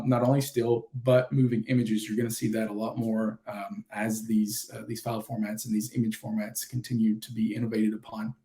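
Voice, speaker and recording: A man giving a casual, livestreamed lesson as the instructor, relaxed and loose, with frequent ums and uhs. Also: mid-range voice. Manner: relaxed, with many fillers.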